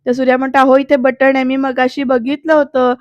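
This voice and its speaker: A woman's voice: high voice, level tone, brisk, dull audio. A woman narrating a voice-over recap of a TV serial episode. She talks straight to the viewers and reads the characters' lines aloud, mostly plainly. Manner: retells scenes, addressing viewers directly.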